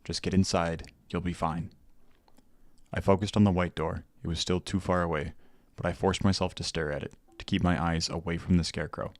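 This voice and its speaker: Brief: steady male storyteller for a horror tale, very low voice, dry close sound. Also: fast talker, no echo. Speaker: narrator. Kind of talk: scripted horror story narration.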